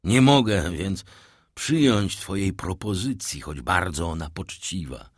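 A man voicing a gentle, sorrowful older shipowner who has lost everything. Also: low-pitched, animated, measured pace, slightly rough, no room sound, clean studio sound, heavily acted. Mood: sad. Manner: soft, warm, sorrowful.

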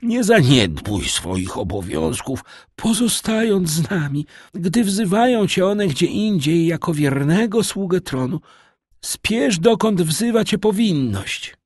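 A man's voice: sits high, sing-song, takes it slowly, husky, no echo, studio quality, pitched above the performer's own voice, exaggerated voice. A man voicing an elderly pompous marquis in an audiobook, speaking in a grandly formal way. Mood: solemn urging.

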